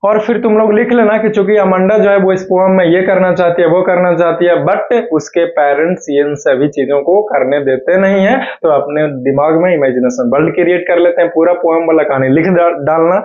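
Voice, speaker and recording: Male English teacher, slightly high voice, keeps asking if the class follows, muffled lo-fi recording. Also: steady tone. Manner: keeps checking in with students, slow word-by-word dictation. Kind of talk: classroom lecture with dictation. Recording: dull lo-fi recording.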